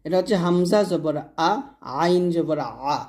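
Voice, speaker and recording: A man teaching Quran recitation, who stretches out each word slowly and contrasts thin and thick letter sounds by repeating them. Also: high voice, fairly even intonation, a little mellow. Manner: slow, drawn-out demonstration of letter sounds. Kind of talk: pronunciation lesson.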